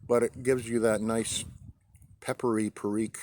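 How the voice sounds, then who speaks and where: An American man from New England talking casually and haltingly as he hosts a vlog outdoors on a deck. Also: fairly low pitch, level tone, a little mellow. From New England, United States. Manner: halting, with pauses mid-sentence. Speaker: pipe-smoking video host. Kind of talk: casual rambling vlog monologue. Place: outdoors on a deck in a light breeze.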